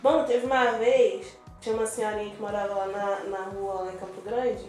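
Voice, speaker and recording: A woman's voice: mid-range voice, fairly even intonation, a little fast, darkish tone. A young woman co-hosting a podcast, who tells a story in a rambling way and fills it with lots of fillers. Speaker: podcast co-host. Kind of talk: casual chat. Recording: very echoey room, faint music.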